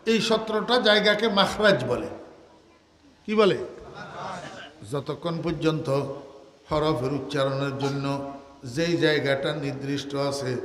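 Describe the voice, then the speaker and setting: Older man, Bangladeshi Bengali accent, waz preacher, high voice, quizzes the crowd, long hall reverb. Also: a bit bright. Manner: asks the crowd questions and answers them himself; draws out Arabic words slowly, half sung. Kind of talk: waz sermon.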